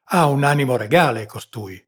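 Kindly, impulsive sea captain, husky voice, read by a man as audiobook figure. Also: mid-range voice, animated, moderate pace, a bit bright. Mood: earnest. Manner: earnest and impulsive. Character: simple, good-natured visiting sea captain.

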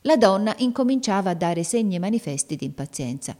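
A woman narrating a classic novel as an audiobook in a measured, steady manner. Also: medium pitch. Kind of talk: audiobook reading.

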